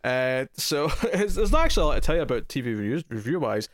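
A man's voice: medium pitch, big pitch swings, quick pace, a little hiss or hum. A man hosting a podcast in casual chat, with lots of fillers and restarts. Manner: chatty, many fillers and restarts. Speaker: podcast host.

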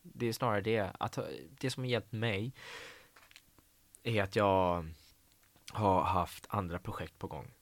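A young man, an actor guest, telling stories in a casual interview, animated and swearing casually. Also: lowish voice, no room sound. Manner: animated, acts out quoted dialogue, swears casually.

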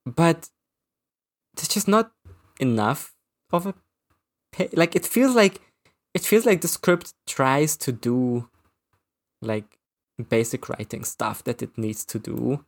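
Halting man reviewing a movie. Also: mid-range voice. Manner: halting, full of fillers and restarts. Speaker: podcast co-host. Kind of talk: casual movie review chat.

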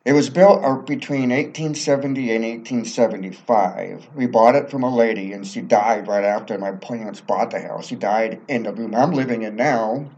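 Guy telling stories on a podcast, casual, average pitch, kinda muffled lo-fi basement sound. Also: moderate pace, few pauses, a little mellow. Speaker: interview guest. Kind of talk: casual anecdotal storytelling. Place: library basement. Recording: dull lo-fi basement recording.

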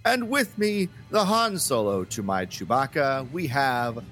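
A man's voice: medium pitch, very animated, measured pace, a bit bright, soft background music. A man hosting a fan podcast in a casual style. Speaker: podcast host.

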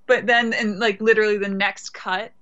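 A woman's voice: mid-range voice, flat delivery, moderate pace, fairly bright tone, lo-fi sound. A woman co-hosting a podcast, chatting loosely about a movie and often laughing. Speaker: podcast co-host. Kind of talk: casual movie discussion.

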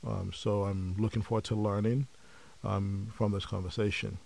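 Middle-aged man from Nigeria, low warm tone, reflective interview guest. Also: flat delivery, creaky. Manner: measured, frequent um fillers, reflective. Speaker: podcast guest, company founder. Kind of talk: conversational interview.

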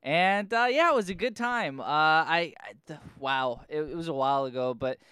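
A man's voice: on the high side, lively intonation, moderate pace, bright, forceful tone, clean tone, no echo, clean studio sound. A man co-hosting a podcast, chatting casually with a wry, joking way of talking. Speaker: podcast co-host. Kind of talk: casual chat.

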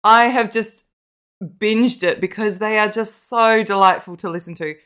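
A young woman co-hosting a casual chat podcast, playful and quick to laugh. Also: medium pitch, fairly bright tone. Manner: playful, laughs often, breaks into jokes. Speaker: podcast co-host.

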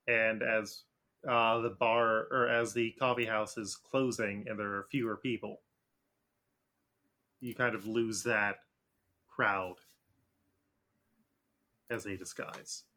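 A man narrating as game master of a tabletop game, speaking in a relaxed way with frequent fillers. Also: lowish voice, slow pace, pauses often.

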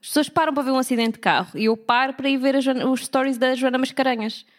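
A woman's voice: sits high, racing. A woman with a European Portuguese accent, co-hosting a podcast in casual, blunt, teasing banter. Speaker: podcast co-host. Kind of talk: casual chat.

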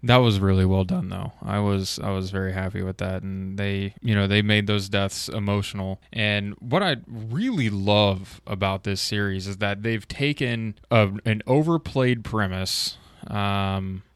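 A man's voice: lowish voice, unhurried, hardly any pauses, clear, resonant tone, no room sound, clean studio sound. A man hosting a casual film chat, rambling with lots of fillers and swearing when he gets worked up.

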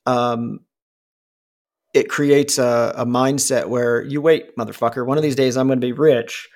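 This unhurried, medium-pitched male voice has a steady, darkish tone. He's in his forties, talking loosely and rambling, with plenty of fillers, false starts, and free swearing.

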